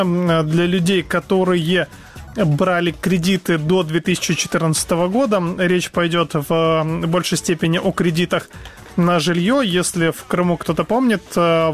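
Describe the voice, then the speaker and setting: Higher-pitched man co-hosting radio news, haltingly. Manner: hesitant, halting delivery. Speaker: radio co-host. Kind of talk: live semi-scripted news presenting. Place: radio studio.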